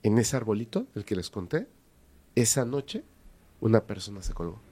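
Mexican man, casual animated storyteller, hesitant, repeats himself for emphasis. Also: on the low side, moderate pace, breathy edge. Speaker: guest telling a story.

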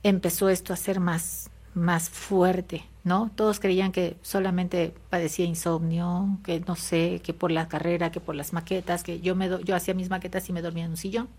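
Low-voiced Mexican woman telling a story. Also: little pitch movement, moderate pace, hardly any pauses, darkish tone, breathy edge. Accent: Mexican Spanish. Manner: hesitant, with frequent fillers and tag questions. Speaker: interview guest. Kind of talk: telling a personal story in conversation.

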